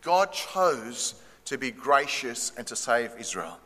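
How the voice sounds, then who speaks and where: A man, preaching a sermon in short measured phrases that pause for an interpreter. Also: medium pitch, very animated, pushed and bright. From Australia. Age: 60s. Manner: measured, pausing for translation. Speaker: pastor. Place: church hall. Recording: long reverb of a church hall.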